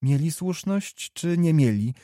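A man's voice: on the high side, lively intonation, a little slow, dark tone, dry recording, studio quality, pitched above the performer's own voice. A man voicing a brash young nobleman. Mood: swaggering. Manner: swaggering, defiant. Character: brash young nobleman soldier, hot-tempered and boastful. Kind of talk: audiobook character reading.

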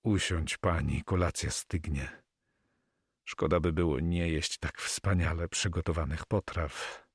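A man voicing a proud, brooding pirate captain in an audiobook, speaking slowly and solemnly. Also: low-pitched, steady tone, slightly rough, no room sound, clean studio sound, full character voice. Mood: gallant. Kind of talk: audiobook character reading.

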